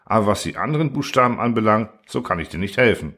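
A man's voice: on the low side, lively intonation, quick pace, fairly bright tone. A man reading an audiobook voices a vain, boastful thinking machine with a metallic, indifferent manner. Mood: smug. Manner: smug, indifferent, self-important.

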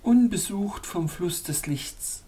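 A woman's voice: lowish voice, expressive, unhurried. A woman voicing a sorrowful, anxious young fairy princess in a storybook reading, with a pleading, tremulous murmur. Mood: mournful whisper.

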